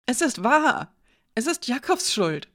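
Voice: mid-range voice, animated, normal speed, pitched above the performer's own voice, lightly acted. An audiobook reader voicing a nervous male servant who stammers and rambles as he pleads. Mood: pleading. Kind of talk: audiobook character voice.

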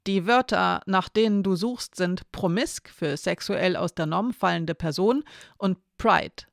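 A nervous young woman in a spoken story, hesitant and then a little hasty, with a playful edge, as a reader puts her on. The voice has a gravelly, creaky grain, and the recording is close and dry. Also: mid-range voice, measured pace, no room sound. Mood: candid.

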